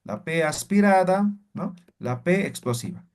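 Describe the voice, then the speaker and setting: A man's voice: high voice, expressive, unhurried. A man teaching a language class, explaining sounds and demonstrating them aloud, checking in often with short questions. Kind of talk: online language lesson.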